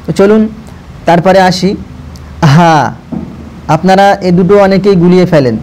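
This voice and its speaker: পুরুষ কোরআন শিক্ষক, প্রতিটি অক্ষর ধীরে ধীরে টেনে টেনে বারবার উচ্চারণ করে দর্শকদের ধৈর্য ধরে শেখাচ্ছেন।. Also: male voice, high voice, a little mellow, slight background noise. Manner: repeats each letter slowly, drawing out vowels, patient instructive tone; addresses viewers directly, urging them to listen closely. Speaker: Quran reading teacher. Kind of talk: slow step-by-step recitation lesson.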